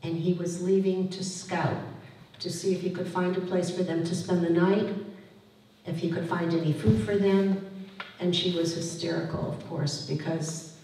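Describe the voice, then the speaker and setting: An older woman recounting her parents' story at a public talk, hesitant and pausing often. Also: lowish voice, steady tone, warm tone, slight background noise. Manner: hesitant, with fillers and restarts. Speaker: lecture speaker. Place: museum lecture room. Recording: echoey hall from far off.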